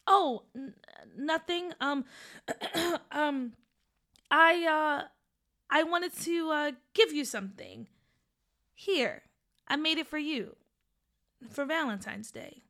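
A woman voicing a shy, nervous schoolgirl who hesitates and stammers softly in a storybook podcast. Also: high voice, slow pace, few pauses.

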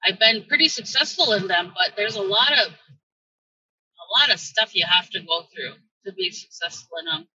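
Woman journalist on a bad call line: muffled, underwater-sounding, husky and far off, thoughtful, with halting restarts. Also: mid-range voice, animated, sharp tone. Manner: thoughtful, restarts phrases with fillers. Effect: muffled underwater-sounding remote call audio. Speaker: journalist guest on a podcast. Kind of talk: casual conversation over a remote call.

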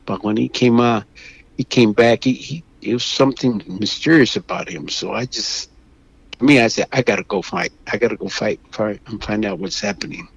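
An older man from Mexico, a guest on a radio show, telling his story slowly with many restarts and fillers. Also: on the low side, vocal fry, husky, highs cut off. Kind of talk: phone interview.

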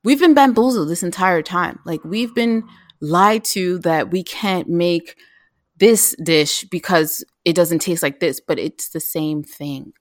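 A woman chatting as a guest about home cooking, lively and quick, with many fillers and restarts. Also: lowish voice, no echo, clean studio sound. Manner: animated, talks fast with restarts and fillers. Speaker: guest, vegan home cook. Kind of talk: casual interview chat.

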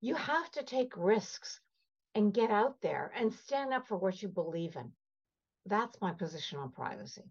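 This privacy expert guest, an older woman born in Egypt and brought up in Canada, shares stories emphatically and with passion. Her mid-range voice is animated and slightly rough at a normal speed, in slightly dull lo-fi sound.

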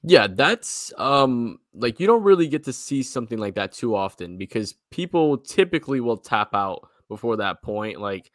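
A man's voice: medium pitch, sing-song, normal speed, few pauses, no room sound, clean studio sound. A man co-hosting a casual post-fight show, talking in a laid-back way with casual slang. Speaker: co-host.

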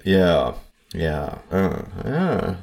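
A man with a very low, deep voice co-hosts a casual movie podcast. He rambles through notes and chuckles when he trips over a name. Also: big pitch swings, very slow, vocal fry, darkish tone. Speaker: podcast co-host. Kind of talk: casual film podcast chat. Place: home setup in Poland.

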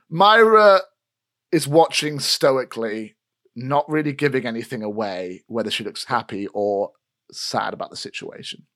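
A man narrating and running a tabletop game as game master, in a relaxed, descriptive way. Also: mid-range voice, a little slow.

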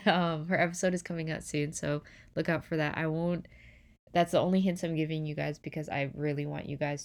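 Woman host, low and gravelly, stuffy morning voice, rambling casual chat. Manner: chatty and rambling. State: stuffy, sore throat. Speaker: podcast host. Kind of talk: casual solo podcast chat. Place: in bed indoors.

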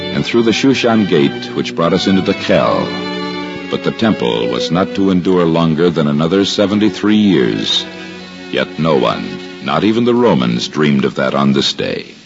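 Joseph, very deep solemn storyteller. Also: male voice, full character voice. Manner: solemn, measured, formal biblical phrasing. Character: Joseph, gentle devout husband recounting his memories. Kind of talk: 1950s radio drama narration. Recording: dull 1950s radio recording, music behind.

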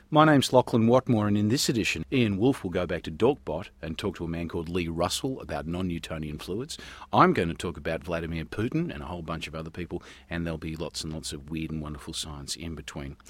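A man's voice: low-pitched, fairly bright tone. A man hosting a science radio show, reading a script in a wry, tongue-in-cheek way. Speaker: radio science show host and news reader.

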